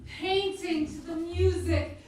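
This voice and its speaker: Woman acting very high-pitched campy beatnik emcee. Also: steady tone, takes it slowly, a little mellow. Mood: hip, gushing. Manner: theatrical beatnik slang. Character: hip, gushing beatnik club emcee. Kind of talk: campy B-movie parody acting. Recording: very echoey, distant, faint noise.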